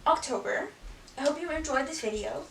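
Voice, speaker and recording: A woman talks casually through her recent reads, rambling along with a steady stream of "like." Her voice sits a little high. It reaches the mic from a few steps away in an echoey room, with a faint hiss behind it. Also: fairly quick, creaky, far from the mic. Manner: rambling, frequent "like" fillers. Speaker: book vlogger. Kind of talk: casual book review chat.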